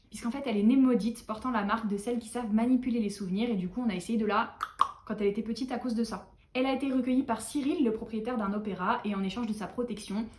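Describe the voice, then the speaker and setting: A tired young woman chatting casually to camera as a book vlogger, animated and self-mocking. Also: on the high side. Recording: echoey room.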